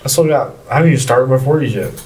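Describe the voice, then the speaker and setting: A man's voice: medium pitch, animated, rapid-fire, darkish tone. A man in his late thirties, chatting casually as a podcast co-host and rambling through anecdotes in an easygoing way. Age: 30s. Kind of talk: casual chat. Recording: slightly distant mic.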